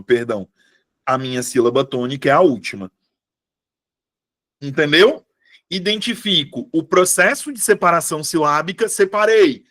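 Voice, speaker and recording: High-voiced, lively Brazilian teacher. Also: male voice, no echo, clean studio sound. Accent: Brazilian Portuguese. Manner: lively, addresses students by name and as "meus amores". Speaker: Portuguese teacher. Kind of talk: live online exam-prep class.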